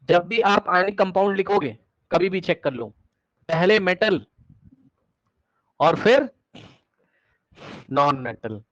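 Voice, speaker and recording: High-voiced, energetic male teacher. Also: slow pace, pauses often, dry recording, highs cut off. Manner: energetic, keeps checking with "ठीक?" and coaxing answers. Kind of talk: classroom chemistry lecture.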